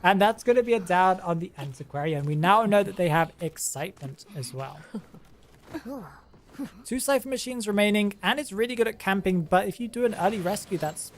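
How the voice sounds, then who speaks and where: This game commentator and channel host has an animated mid-range voice that runs a little fast, over a slight hiss or hum. His commentary is casual and chatty, with thoughts spoken aloud and sentences often dropped and restarted.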